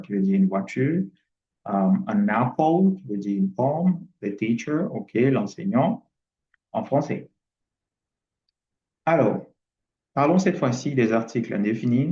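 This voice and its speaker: A man with a low voice teaches English grammar in French, going slowly over each example and often checking that the listener follows. The recording has a dull, lo-fi sound. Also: dark tone. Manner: patient, repetitive, checks in with "ok?" and "d'accord?". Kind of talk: French-language English lesson.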